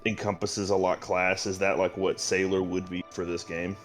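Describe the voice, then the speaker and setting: Man, very low voice, dry joking, music clearly behind. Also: little pitch movement, moderate pace, fairly bright tone. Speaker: player. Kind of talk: casual game chat.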